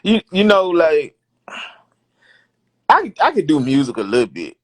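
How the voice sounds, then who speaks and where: A man's voice: a little high, huge pitch swings, unhurried, no room sound. A man in his thirties with an Alabama Southern accent, chatting casually in a laid-back, slangy way with short answers. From Alabama, United States. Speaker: DJ and rapper, interview guest. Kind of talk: casual interview chat. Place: small wood-panelled room indoors. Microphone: phone at close range, video call.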